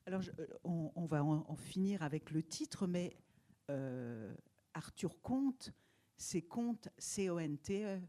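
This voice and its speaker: Slow talking woman interviewer, low mellow voice, kinda halting. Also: animated. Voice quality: halting, searching for words. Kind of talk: interview questions.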